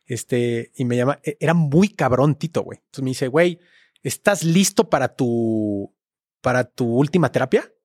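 A man's voice: mid-range voice, lively intonation, moderate pace, darkish tone, dry recording, clean studio sound. A man with a Mexican Spanish accent, a podcast guest telling a personal story in a casual, slangy, emotional way. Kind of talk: candid storytelling.

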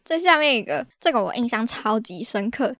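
Lively Taiwanese woman podcast host. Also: fairly high pitch, a little fast, dry recording, studio quality. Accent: Taiwanese Mandarin. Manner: chatty, exasperated, laughs at her own stories. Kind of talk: casual podcast storytelling.

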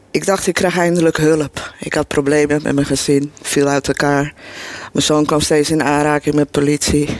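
A woman's voice: sits low, creaky, no echo. A middle-aged woman telling her own life story to an audience in an earnest, emotional and blunt way. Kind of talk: personal storytelling before an audience.

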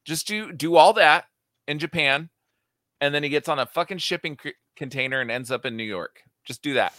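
A man's voice: fairly high pitch, sharp tone, no echo. A man hosting a podcast, chatting casually and bluntly with cohosts, swearing freely and getting heated as he rants about a movie. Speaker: podcast host. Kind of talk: casual chat, movie review.

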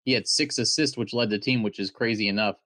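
Male host, low voice, earnest, long wordy questions, dry close sound. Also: quick pace, pushed and bright, no echo. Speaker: interviewer, host. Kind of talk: podcast interview.

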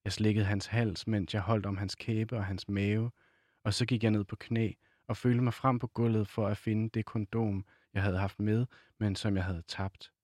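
A man, an author, reads a passage from his novel in a slow, measured voice, then talks about it casually as a guest. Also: lowish voice, little pitch movement, darkish tone, dry recording, clean studio sound. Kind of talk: literary reading, then casual conversation. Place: in Copenhagen.

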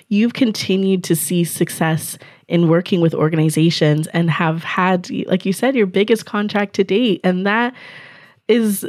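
Woman, podcast host, encouraging, effusive, lowish voice, dry close recording. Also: darkish tone, dry recording. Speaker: podcast host and business coach. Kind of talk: conversational interview.

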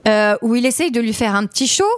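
A woman's voice: a little high, fast talker, dry recording. A woman co-hosting a film podcast in casual chat, playfully steering the talk back to the film.

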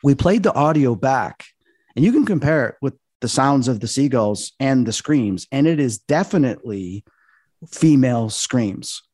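A man's voice: medium pitch, animated, moderate pace, a little mellow, no echo, clean studio sound. A man telling earnest stories in a casual podcast chat, walking through paranormal theories at length. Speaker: paranormal investigator guest.

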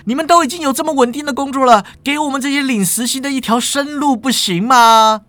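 A storyteller voicing a fast-talking, aggrieved substitute teacher. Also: bright, forceful tone, no room sound. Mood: indignant. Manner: fast, high and accusing.

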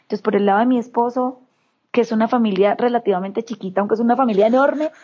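A Colombian mother from Antioquia, speaking with a paisa accent as an interview guest, tells an emotional family story and animatedly acts out her relatives' voices. Her mellow, warm voice is fairly high and fast. The recording sounds a little dull and lo-fi.

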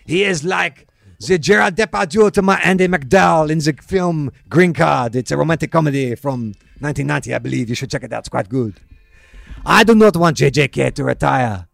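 A man's voice: on the high side, a little fast, creaky, no echo, voice pushed up. A man voicing a pompous, crude, worldly ex-footballer with a grandiose manner. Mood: florid. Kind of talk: comic character phone bit.

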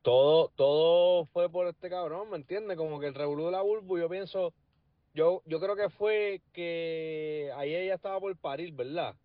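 A man's voice: fairly high pitch, normal speed, no room sound, phone-quality sound. A man with a Puerto Rican accent in a casual gossip chat, slangy and swearing often as co-host. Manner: slangy, swears often, keeps saying cabrón.

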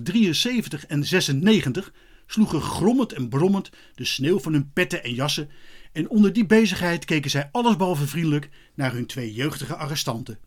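A man reads a children's story aloud with lively expression, his voice sitting a little high for a man. He keeps the storybook narration brisk and engaged.

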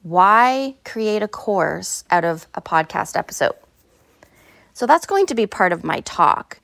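A woman's voice: mid-range voice, expressive, measured pace, creaky, a bit bright, no echo, studio quality. A woman hosting a solo podcast in a casual, conversational way, recorded on a phone inside a small closet. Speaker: podcast host. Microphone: phone, no headphones.

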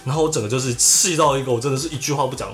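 A man's voice: medium pitch, very fast, faint music behind. A man, co-hosting a casual podcast and animatedly recounting a story. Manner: animated storyteller, acts out the people in his story. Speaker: podcast co-host.

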